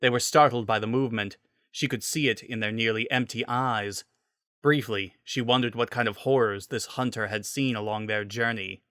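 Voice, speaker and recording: A man's voice: medium pitch, fairly even intonation, normal speed, fairly bright tone, dry recording, studio quality. A man reading a scripted story as its narrator, in a dramatic style.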